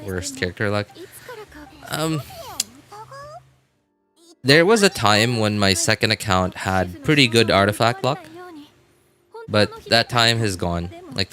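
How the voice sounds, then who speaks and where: Speaking a little slowly with long pauses, the man has a lowish, bright, forceful voice. It's casual livestream chat for a game, where he hesitantly answers viewers' comments and keeps repeating phrases while music plays in the background.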